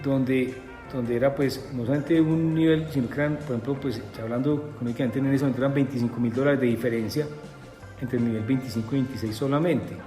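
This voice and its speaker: A man's voice: mid-range voice, steady tone, quick pace, warm tone, big-room sound, faint music behind. A man telling a personal story in a rambling way, full of filler words, as an interview guest. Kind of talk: conversational storytelling.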